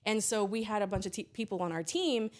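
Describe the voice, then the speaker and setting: A woman's voice: medium pitch, quick pace. A young woman from Trinidad, a geologist guest telling her story in a chatty, filler-heavy way. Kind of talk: casual interview chat.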